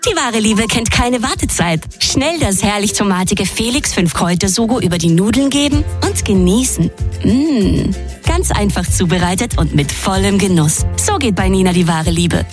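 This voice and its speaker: A woman's voice: mid-range voice, lively intonation, moderate pace, soft background music. A woman from Graz voicing a cheerful radio food advertisement. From Graz, Austria. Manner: cheerful, savoring.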